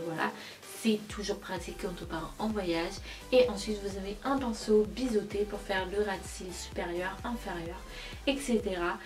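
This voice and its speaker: A young woman reviewing a makeup palette for her channel in a casual, enthusiastic way, often repeating words for emphasis. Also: mid-range voice. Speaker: beauty vlogger.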